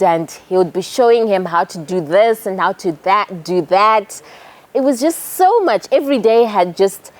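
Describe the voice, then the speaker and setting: Slow, expressive Zimbabwean storyteller woman. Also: medium pitch. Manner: expressive, speaks directly to the kids. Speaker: children's storyteller. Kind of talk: storytelling to children.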